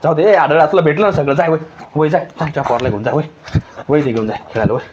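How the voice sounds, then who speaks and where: A woman playing a mother in a family comedy skit, talking excitedly and calling out loudly. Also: sits low, fast, highs cut off, background noise.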